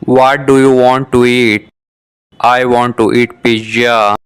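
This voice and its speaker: This slow, flat, very clear male reader has a medium pitch and speaks with measured, carefully articulated delivery. He reads short question-and-answer exchanges from a scripted beginner English dialogue, repeating each twice so learners can shadow him.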